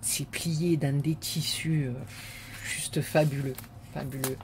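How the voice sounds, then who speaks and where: A woman's voice: deep voice, steady tone, slow, background noise. A woman vlogger chatting casually to viewers as she unboxes a parcel, gushing and repeating her words of praise with many fillers.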